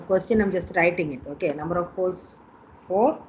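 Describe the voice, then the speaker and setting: A woman's voice: lowish voice, brisk. A woman with an Indian accent teaching an online engineering exam class, repeating points and checking in with students. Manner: repetitive, instructive, checking in with students. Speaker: engineering lecturer. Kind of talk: online exam coaching lesson. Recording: dull lo-fi online call with noise.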